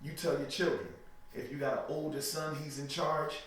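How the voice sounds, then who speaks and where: The man's voice sits on the high side, slightly bright, with a level tone and normal speed. Being interviewed, he gives preachy, emphatic religious answers and often asks "you know what I mean." The recording comes from an echoey room with a distant mic and light noise.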